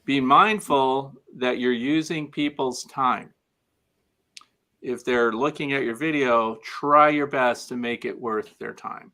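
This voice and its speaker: A man chatting as a guest on a livestream video call, giving advice with deadpan dry humor. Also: mid-range voice, takes it slowly. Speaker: guest beekeeping video maker. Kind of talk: casual livestream chat.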